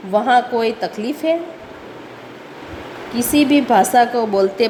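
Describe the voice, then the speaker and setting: Slow, deliberate woman teaching grammar. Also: mid-range voice, darkish tone. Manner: slow, deliberate reading with frequent pauses and rhetorical questions; mixes English words into Hindi explanation. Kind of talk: explaining a Hindi grammar lesson. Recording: long reverb, faint ambient noise.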